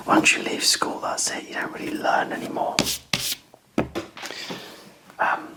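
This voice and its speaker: A person whispering a casual, self-deprecating ASMR ramble in a breathy, unvoiced voice, musing in a chatty way. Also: poor audio. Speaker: ASMR video creator.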